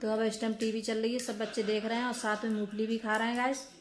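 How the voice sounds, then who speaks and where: A young woman narrating her own home vlog in a casual, unhurried way, with lots of filler words. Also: on the high side, little pitch movement. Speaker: home vlogger.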